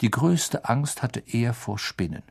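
Guy narrating an audiobook, expressive, voice goes up and down a lot. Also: mid-range voice, a little slow, vocal fry, slightly rough. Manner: expressive, acts out every character. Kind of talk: scripted storybook narration.

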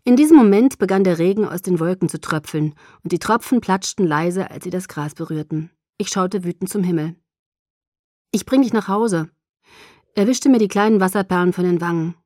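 A woman's voice: lowish voice, brisk, few pauses, a little mellow, no room sound, clean studio sound. A woman narrating a romance novel in the first person, reading expressively and acting out the dialogue. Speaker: audiobook narrator.

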